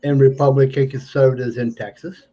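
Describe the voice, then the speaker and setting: A man's voice: medium pitch, fairly even intonation, brisk, warm tone. A man with the slightly slurred speech of someone without teeth, giving an emphatic, unscripted political monologue on a livestream and repeating phrases for weight. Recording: dull lo-fi stream audio.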